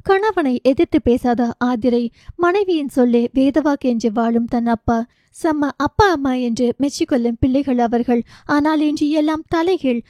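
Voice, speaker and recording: High-voiced woman reading a novel. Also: warm tone, dry recording. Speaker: audiobook narrator. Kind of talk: scripted narration of a romance novel.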